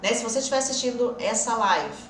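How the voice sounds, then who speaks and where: A woman's voice: on the high side, expressive, fast, a bit bright, echoey room, recorded from a distance, a little hiss or hum. A woman teaching an English lesson on a live stream, explaining patiently, answering viewer comments and laughing often.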